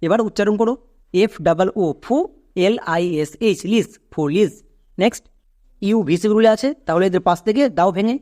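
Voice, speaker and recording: A woman teaching English pronunciation step by step, spelling out letters slowly and asking her students whether they follow. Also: mid-range voice, mellow. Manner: patient, instructive, spells out letters slowly and asks checking questions. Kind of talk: step-by-step spoken lesson.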